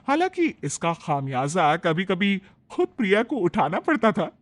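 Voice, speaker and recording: A woman narrating a storybook family tale in a steady, plain telling. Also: medium pitch, moderate pace, no room sound.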